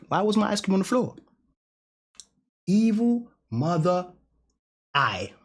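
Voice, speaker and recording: Husky, slangy man vlogging. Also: high voice, moderate pace, soft background music. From Denmark. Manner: slangy, animated, laughing often. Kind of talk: casual storytelling to camera.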